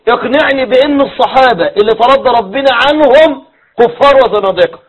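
A man's voice: very high-pitched, fairly quick, slightly rough, highs cut off. A man with an Egyptian Arabic accent, a studio guest pressing hard and repeating himself in a heated religious debate. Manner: insistent, repetitive, challenging.

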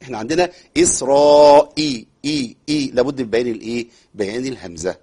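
A man with an Egyptian accent teaching Quran recitation on air. He recites verses slowly, then explains them quickly, and repeats sounds to show how they are said. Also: medium pitch, dark tone. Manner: repeats sounds to demonstrate pronunciation. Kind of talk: broadcast recitation lesson with callers.

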